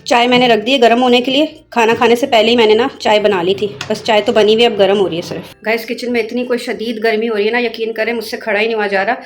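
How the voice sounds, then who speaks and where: A young woman from Pakistan chatting casually to her viewers in a vlog, lively and talkative. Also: on the high side, fast talker, hardly any pauses, soft background music. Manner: chatty, animated, addresses viewers as guys. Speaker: vlogger.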